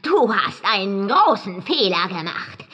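A woman voicing a vengeful, spiteful female fog fairy with a clanking, metallic, robot-like voice, speaking slowly and coldly. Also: mid-range voice, sing-song, bright, forceful tone, husky, pitched above the performer's own voice, full character voice. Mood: cold, mocking. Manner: slow, cold and mocking.

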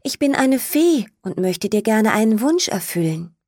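A small, eager fairy girl from a storybook, pitched high above a husky narrating voice, as a woman reader puts her on. She speaks up with keen energy. The sound is dry and close. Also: sing-song, moderate pace, a little mellow, no echo. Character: small tired young female fairy.

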